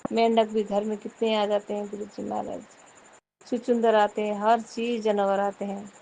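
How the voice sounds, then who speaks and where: A middle-aged woman tells her guru about her day in homely, rambling devotional talk, addressing him again and again. Her voice is mellow and dark, her pitch stays flat and even, and crickets chirp faintly in the background. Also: normal speed, creaky, a little hiss or hum, low-quality recording.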